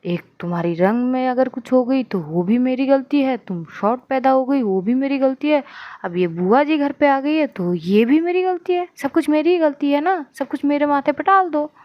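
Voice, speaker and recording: A woman's voice: high-pitched, normal speed, hardly any pauses, no echo, muffled recording, close to an everyday voice. A woman voicing a middle-aged mother who complains that she gets blamed for everything. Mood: exasperated. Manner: complaining, self-pitying.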